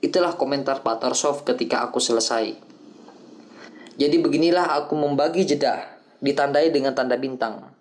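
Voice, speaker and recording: A man narrating a book in the first person with a steady, measured reading. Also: mid-range voice. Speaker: audiobook reader.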